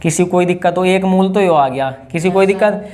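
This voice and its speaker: A high-voiced man teaches a math class with a tinge. He works through each step aloud and keeps asking his students questions. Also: brisk, a little mellow. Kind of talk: classroom lesson.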